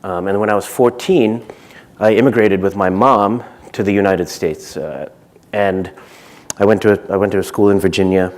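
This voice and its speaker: A man in his thirties, from Zimbabwe, speaks at a conference with a fairly low voice. He talks casually, with halting restarts and plenty of fillers, through a stage microphone. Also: fairly even intonation, a little mellow. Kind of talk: conference talk.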